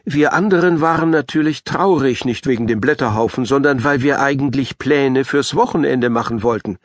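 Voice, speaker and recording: A man's voice: mid-range voice, moderate pace, no echo, clean studio sound. A man narrating a children's audiobook in the first person, telling the story as a schoolgirl. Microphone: studio microphone.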